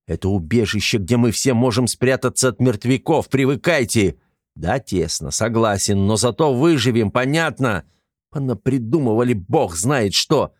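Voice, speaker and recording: A man doing a brisk, bossy young hero. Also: medium pitch, no echo, studio quality, voice pushed up. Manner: brisk, bossy, a little mocking. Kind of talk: audiobook character voice.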